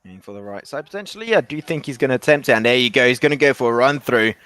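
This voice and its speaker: A man doing excitable play-by-play commentary on an esports football match, often restarting his sentences. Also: medium pitch, no echo. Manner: rapid, excitable calls with frequent restarts.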